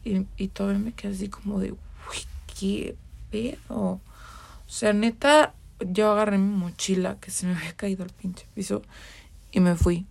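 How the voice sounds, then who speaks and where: A woman's voice: mid-range voice, steady tone, moderate pace, gravelly, a little mellow. A woman with a Mexican accent, a podcast guest telling a personal story in a candid, casual way, swearing freely. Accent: Mexican Spanish.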